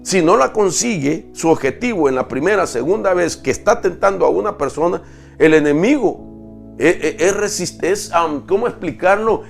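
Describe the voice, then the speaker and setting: Gravelly-voiced man teaching scripture. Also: high-pitched, expressive, normal speed, soft background music. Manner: explanatory, with restarts and rhetorical questions. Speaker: apostle preaching. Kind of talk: sermon-style Bible teaching.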